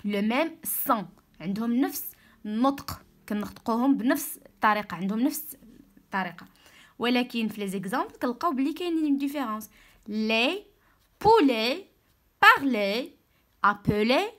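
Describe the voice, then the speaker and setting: A woman with a Moroccan accent giving an online French reading lesson, slowly spelling out sounds and explaining in Darija. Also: fairly high pitch, fairly bright tone. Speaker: French teacher.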